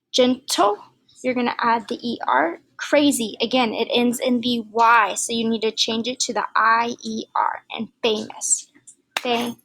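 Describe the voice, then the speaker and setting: Slow, patient woman teacher. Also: on the high side, rough recording. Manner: slow, patient explaining with soft asides and fillers. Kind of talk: recorded online grammar lesson.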